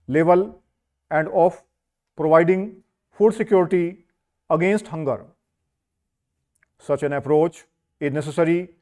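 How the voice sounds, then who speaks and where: A man gives a very slow school dictation, his voice pitched a little high. He breaks the script into short, measured phrases and leaves pauses between them for writing. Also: darkish tone. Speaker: dictation reader for a stenography skill test.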